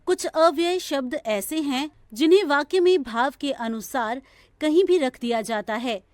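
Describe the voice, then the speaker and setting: A woman reading a grammar lesson from a textbook in a slow, measured, even delivery. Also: high-pitched, no room sound. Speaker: textbook audio reader.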